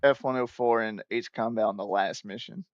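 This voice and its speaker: A man's voice: on the low side, normal speed, dry recording, muffled recording. A man in a casual gaming voice chat, easygoing and joking, grumbling about how the match went. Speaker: gamer on stream. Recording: faint background noise.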